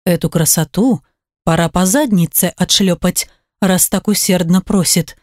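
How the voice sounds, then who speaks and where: A woman voicing a sarcastic, jealous husband in an audiobook, lowering her voice and speaking slowly with a mocking edge. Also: fairly even intonation, darkish tone, no room sound, studio quality. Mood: stern.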